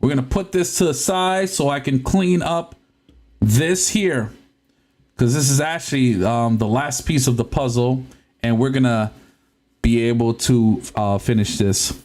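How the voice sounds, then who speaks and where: At a measured pace, a young man from Puerto Rico talks in a mid-range, slightly mellow voice during a casual live stream as he works on a console. A native Spanish speaker, this host often laughs and trips over what he's saying.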